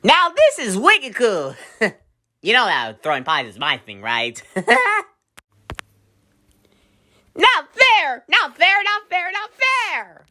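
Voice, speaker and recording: Manic cartoon woodpecker guy, taunting prankster, swoops wildly all over, super bright n piercing. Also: high voice, slow pace, exaggerated voice. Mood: gleeful, indignant. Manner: excitable, taunting, breaks into cackles. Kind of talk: cartoon character voice lines.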